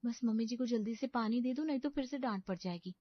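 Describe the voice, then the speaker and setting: A woman's voice: fast talker, no room sound, close to an everyday voice. A woman voicing a timid, clumsy young bride who talks in a nervous, pleading voice, on a dull lo-fi cartoon track. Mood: self-encouraging. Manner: nervous, pleading, high and tearful. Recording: dull, dry lo-fi voice-over.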